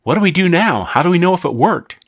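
A man's voice: high-pitched, animated, quick pace, dry recording, clean studio sound, pitched above the performer's own voice. A man voicing an anxious, bossy young girl. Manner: anxious, insistent. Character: worried, bossy girl, a kid.

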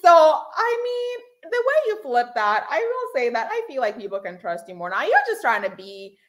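A woman with a higher, very animated voice hosts a casual comedy podcast. She jokes, wanders into tangents and laughs often as she talks with her guest. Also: normal speed. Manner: joking, tangents, frequent laughs. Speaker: podcast host.

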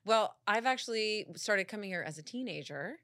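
A woman's voice: medium pitch, lively intonation, normal speed, fairly bright tone, dry recording, studio quality. A woman from San Diego with a Southern Californian accent, telling casual anecdotes as a podcast guest in an informal way, full of "like" and quoted self-talk.

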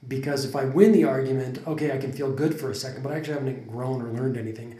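Speaking fast with a warm, medium-pitched voice, a man co-hosting a podcast thinks things through out loud in casual talk, full of fillers and restarts. The room adds noticeable echo.

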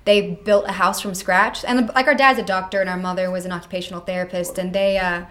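A young woman in her twenties chats easily in a backstage interview. She's upbeat and talkative, tossing off quick asides as she goes. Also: medium pitch, fairly even intonation, fairly bright tone, slight background noise. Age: 20s. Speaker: musician guest. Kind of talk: casual interview chat. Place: backstage at a theater.

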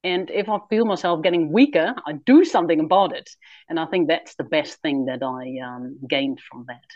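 A woman in her forties with a Dutch accent talks openly as an interview guest, laughing often as she goes. Her voice is lowish and comes through a somewhat dull, dry line. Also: moderate pace, dry recording. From Netherlands. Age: 40s. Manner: candid, laughs easily. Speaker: guest, author and traveler. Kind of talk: conversational interview.

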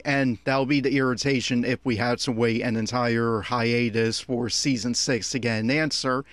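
A man with a mid-range voice, recorded dry, riffs off the cuff on an anime episode. His commentary is critical, exasperated and full of opinions.

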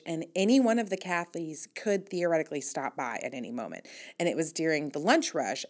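A woman reading her own humorous personal story aloud with a wry, mock-dramatic delivery. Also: low voice. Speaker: newsletter writer reading her own piece.

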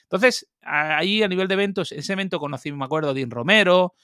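Guy chatting as a guest, animated storyteller, slightly high voice, dry sound. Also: smooth, dry recording. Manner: lively, animated, quick asides and laughs. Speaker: interview guest. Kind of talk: casual storytelling.

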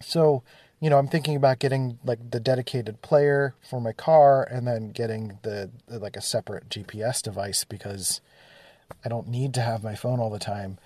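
A man's voice: medium pitch, steady tone, moderate pace, warm tone, no echo. A man hosting a solo podcast, thinking aloud casually with plenty of fillers, recorded on a phone in his studio. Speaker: podcast host.

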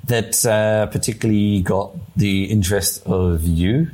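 A man interviewing a guest, asking halting questions with restarts and frequent laughs. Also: lowish voice, darkish tone. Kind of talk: conversational interview.

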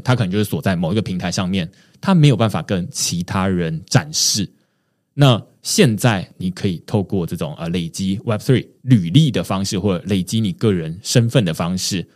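A man, hosting a podcast and explaining his points in a measured, conversational way. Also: low voice, darkish tone. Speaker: podcast host. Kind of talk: casual podcast discussion.

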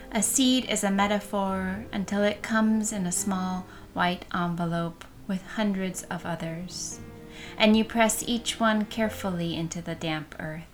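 A woman leading a guided meditation in a soft, soothing manner, with breath showing at the ends of phrases. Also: medium pitch, unhurried, faint music behind.

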